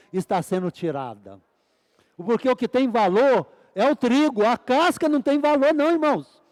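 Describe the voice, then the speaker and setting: A man's voice: very high-pitched, a little mellow, in a large hall. A male preacher giving a sermon, breaking in again and again with fervent calls on the Lord and putting questions to his listeners, then answering them himself. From Brazil. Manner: repeated fervent "Ó Senhor Jesus" exclamations.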